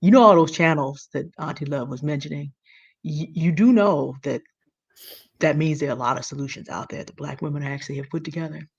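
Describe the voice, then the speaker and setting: A woman with a low, brisk, slightly rough voice co-hosts an online talk show, speaking informally and directly to viewers. She sounds emphatic and confiding, repeating words for effect. The audio is dull and lo-fi.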